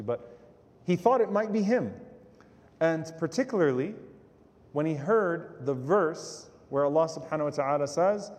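A man's voice: medium pitch, darkish tone, big-room sound. A man giving a religious lecture, telling stories and quoting Arabic texts, then explaining them in English. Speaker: Islamic lecturer. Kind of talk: sermon storytelling.

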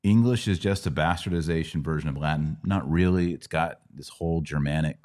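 A middle-aged American man hosts a podcast answering Bible questions, speaking in a deep, slightly mellow register at a brisk pace. His casual, explanatory teaching is didactic, and he checks that listeners follow by asking "right?"

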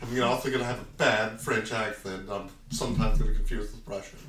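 A man's voice: fairly low pitch, fairly even intonation, fast talker, bright, forceful tone, far from the mic. A man playing a tabletop game, joking and swearing freely in casual chat. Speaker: player. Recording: echoey room.

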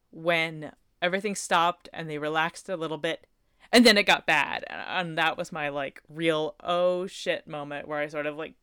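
A young adult woman co-hosting a casual TV recap chat, animated and joking as she talks through scenes. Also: low voice, clean tone, no echo, studio quality. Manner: animated, shouts quoted lines, self-deprecating jokes.

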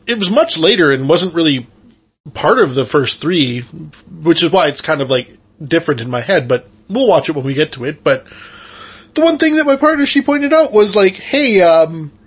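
Slightly husky man chatting casually. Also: on the high side, big pitch swings, normal speed. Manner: rambling, conversational, often saying "like". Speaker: podcast co-host. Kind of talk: casual chat.

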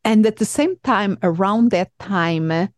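A Portuguese woman with a Portuguese accent hosts a podcast interview, her medium-pitched voice expressive and a little slow. She sounds hesitant, filling pauses and restarting often. The recording is clean studio sound with no echo.

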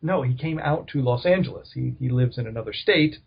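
A man co-hosting a casual podcast chat, easygoing and quick with jokes, with a husky voice. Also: mid-range voice, lo-fi sound, heavy background noise. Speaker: podcast co-host.

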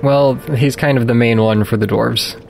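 Creaky-voiced male game master. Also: mid-range voice, fairly even intonation, moderate pace, darkish tone, soft background music. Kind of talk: narrating a tabletop game.

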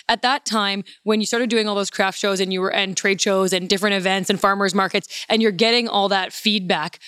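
A woman's voice: mid-range voice, steady tone, brisk, a bit bright, clean tone, no room sound, studio quality. A woman hosting an interview, asking long, run-on questions. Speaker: interviewer host. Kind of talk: casual interview.

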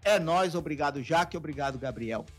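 A man's voice: on the high side, animated, brisk, soft background music. A man with a Brazilian accent, co-hosting a podcast and explaining ideas with acted-out everyday examples in casual talk. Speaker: podcast co-host.

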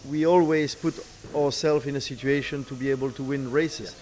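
A middle-aged man, not a native English speaker, answering interview questions haltingly, searching for words and repeating phrases. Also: medium pitch, fairly even intonation, a little mellow. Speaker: racing team boss, former driver. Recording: clear background noise, ambient sound.

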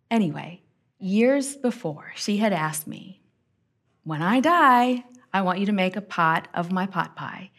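A middle-aged woman hosting a devotional podcast, telling a personal family story in an earnest, intimate way that often drops to quiet tones. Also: fairly low pitch. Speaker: podcast host and Bible teacher.

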